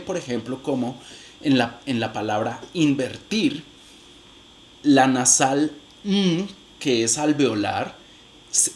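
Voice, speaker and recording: Male lecturer, unhurried, halting delivery, sounds out examples himself, light background noise. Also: mid-range voice. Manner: demonstrates sounds, hesitant restarts, addresses viewers directly. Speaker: phonetics teacher. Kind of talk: recorded lecture.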